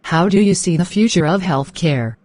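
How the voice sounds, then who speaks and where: A woman's voice: lowish voice, lively intonation, moderate pace, a little mellow, no room sound. Formal woman examiner, close dry sound. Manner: formal, polite, procedural. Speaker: speaking test examiner. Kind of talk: scripted exam questions and instructions.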